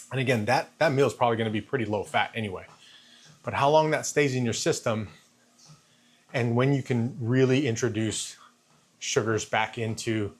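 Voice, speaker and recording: A man in his fifties giving a casual, halting vlog monologue, thinking aloud and repeating phrases while walking on a treadmill. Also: medium pitch. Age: 50s. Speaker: fitness vlogger.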